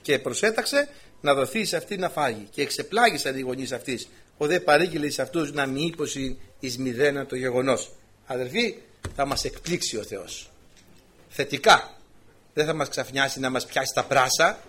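Husky, lively-voiced male preacher. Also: medium pitch. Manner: impassioned, rhetorical questions, often addresses listeners as brothers. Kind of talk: sermon.

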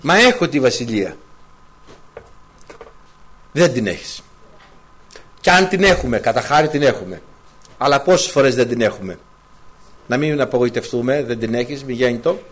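A man's voice: medium pitch, lively intonation, pauses often. A man preaching a sermon to his congregation, full of rhetorical questions and quoted scripture.

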